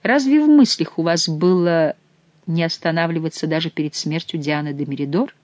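A man reading an audiobook and voicing a proud nobleman who speaks calmly and deferentially while holding his ground against a prince. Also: fairly high pitch, moderate pace, no room sound, close to an everyday voice. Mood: measured. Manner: calm, restrained, deferential on the surface, impassive. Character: cold, proud male nobleman, the prince's master of the hunt.

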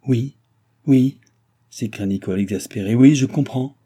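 A man's voice: lowish voice, brisk, dark tone, slightly rough. A man voicing a proud, jilted young woman who speaks indignantly and pleads in a read-aloud novel. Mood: exasperated.

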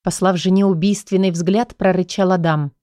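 A woman's voice: on the low side, steady tone, moderate pace, dark tone, no room sound, studio quality. A woman narrating a first-person romance audiobook, with a dramatic, emotionally charged reading.

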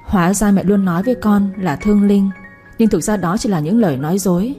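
A woman voicing a devoted grown son who pleads gently with his mother, over faint music. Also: mid-range voice, fairly quick, lightly acted. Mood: pleading. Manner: pleading, soft-spoken.

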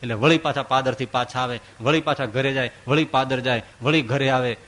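A man, a swami, giving a devotional discourse and telling a story, acting out the characters' dialogue with big swings in pitch and loudness. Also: fairly even intonation, fairly quick.

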